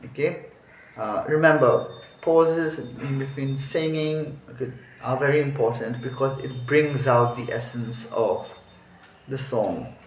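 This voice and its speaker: A man's voice: mid-range voice, a little slow, a little hiss or hum. A man teaching a song, explaining each phrase, thinking aloud and correcting himself. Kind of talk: music lesson walkthrough. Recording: roomy echo.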